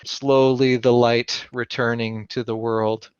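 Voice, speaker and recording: A man narrating a tabletop game as game master, in a relaxed storytelling way. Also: medium pitch, slow pace, clear, resonant tone, dry recording, lo-fi sound.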